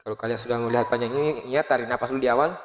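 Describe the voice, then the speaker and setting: A man teaching Quran reading, chanting verses slowly and melodically, then explaining in quiet, quicker asides in an Indonesian accent. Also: medium pitch, fairly even intonation, reverberant, long reverb tail. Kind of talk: recitation lesson with explanations.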